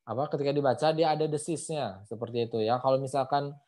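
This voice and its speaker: A man's voice: medium pitch, fast, mellow. A man teaching Quran letter pronunciation in an online lesson, patiently repeating each point over a video call. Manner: patient, repeats points with many tag phrases.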